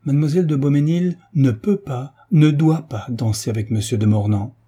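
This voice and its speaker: A man reading the lines of an ironic, hunchbacked nobleman in a French audiobook, in a measured, slightly raised voice. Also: mid-range voice, warm tone, husky, close to an everyday voice. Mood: coolly ironic. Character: marquis, hunchbacked older nobleman, ironic and cool.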